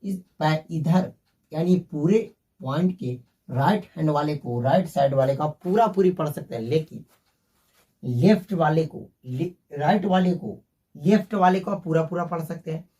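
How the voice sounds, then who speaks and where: A man's voice: fairly high pitch, expressive, normal speed, dark tone, recorded from a distance. A man teaching a basic math lesson, working through sums step by step and calling his viewers "my friend".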